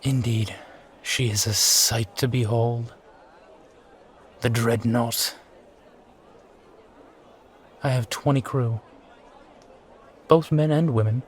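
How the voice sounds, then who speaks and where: A man's voice: medium pitch, slight background noise, close to an everyday voice. A man playing a brooding, charming steampunk sky pirate captain and war veteran, talking wistfully and courteously in an immersive roleplay audio. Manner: wistful, courtly, rambling, given to sighs. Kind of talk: immersive one-sided roleplay audio acting.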